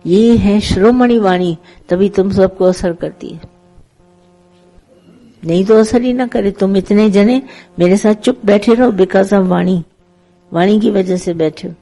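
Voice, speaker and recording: A woman's voice: medium pitch, warm tone, low-quality recording. A middle-aged woman leading a devotional satsang, talking in a conversational way to her followers, telling parables and slipping English words into her speech. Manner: conversational, tells parables with acted quotes, mixes English words. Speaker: spiritual teacher leading satsang.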